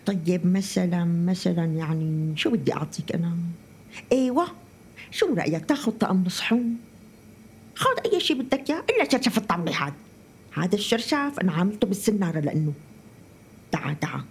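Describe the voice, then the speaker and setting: A woman's voice: fairly low pitch, expressive, quick pace, slight background noise. A woman with a Syrian accent playing a lonely, talkative elderly mother in a drama. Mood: wry, wistful. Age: older. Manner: talkative, tender, emotional. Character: lonely elderly mother, warm, chatty, wistful. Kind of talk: scripted drama acting.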